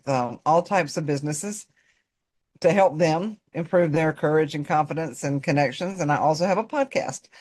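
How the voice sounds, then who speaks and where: A woman's voice: sits low, a little mellow. A woman with a North Carolina Southern accent, presenting informally as a coach and addressing listeners directly in a folksy way. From North Carolina, United States. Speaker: personal development coach, guest presenter.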